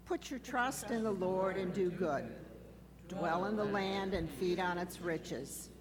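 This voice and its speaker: A woman's voice: on the low side, crowd noise. Woman reading at a pulpit microphone. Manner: measured, formal reading. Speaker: lay reader. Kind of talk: reading scripture aloud at a service. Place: church sanctuary. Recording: reverberant church with faint hum.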